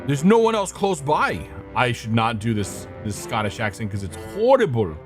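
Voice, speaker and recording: A man's voice: mid-range voice, big pitch swings, normal speed, over music. A young man streaming a game, thinking aloud in a scattered way, swearing now and then and greeting his chat. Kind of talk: casual gameplay commentary.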